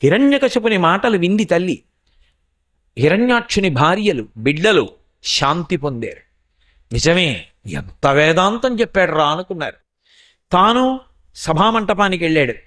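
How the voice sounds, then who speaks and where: Older male preacher, high voice, sermon that breaks into chanted verse. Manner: reciting poems in slow, drawn-out chant; lively, addressing listeners directly with questions. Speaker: religious discourse speaker.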